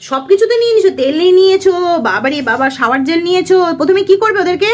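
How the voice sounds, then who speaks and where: A woman playing along with a small child, coaxing and teasing him. Her voice sits high and swoops up and down in a lively sing-song. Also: rapid-fire. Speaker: caretaker filming a child. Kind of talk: playful chat with a small child.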